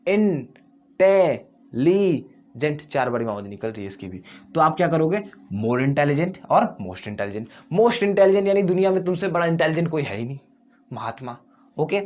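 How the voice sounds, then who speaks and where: Male grammar teacher, higher voice, repetitive and drawn-out delivery, muffled lo-fi audio. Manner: repetitive, asks and answers his own questions, drawls words out slowly to show syllables. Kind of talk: explaining grammar to students.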